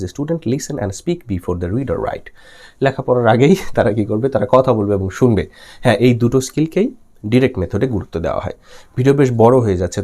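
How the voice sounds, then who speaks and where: A young man teaching, going through his notes step by step. He reads English lines slowly, restates them, and asks questions that he then answers himself. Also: fairly low pitch, warm tone. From Bangladesh. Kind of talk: recorded exam-prep lecture.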